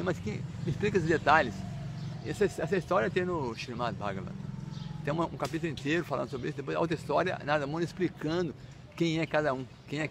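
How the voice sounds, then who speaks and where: A man telling a spiritual story in a relaxed, conversational sermon, with many fillers and restarts. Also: a little high, creaky, background noise. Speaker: spiritual teacher.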